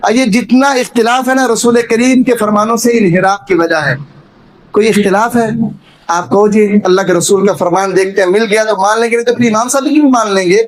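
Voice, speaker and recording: A man preaches a Friday sermon in a high, ringing voice. He builds his points through repeated rhetorical phrases that climb to emphatic peaks. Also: fairly even intonation. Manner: impassioned, rising to emphatic peaks; repetitive rhetorical lists.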